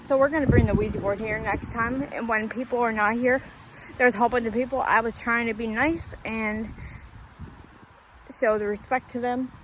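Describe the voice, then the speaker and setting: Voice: medium pitch, fairly even intonation, normal speed, fairly bright tone, rough recording. A paranormal vlogger, out of breath, rambling and apologetic, talking casually to viewers outdoors. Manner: rambling, apologetic, restarts mid-sentence. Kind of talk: casual vlog talk to viewers. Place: outdoors in a hilly, windy graveyard. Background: faint wind noise.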